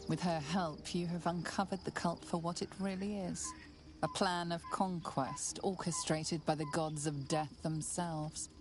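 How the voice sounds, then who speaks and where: Game narrator, ominous, measured, second person, low gravelly voice. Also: female voice, heavily acted. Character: grave omniscient female narrator of a fantasy game. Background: game music.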